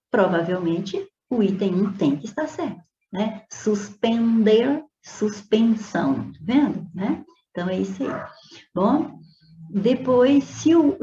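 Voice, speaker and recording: A woman Portuguese teacher going over exam questions, stretching out example words slowly and checking in with her students as she explains. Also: mid-range voice, mellow. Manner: checks in with "né?" and "tá vendo?". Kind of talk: exam review lesson. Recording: roomy, dull lo-fi with faint noise.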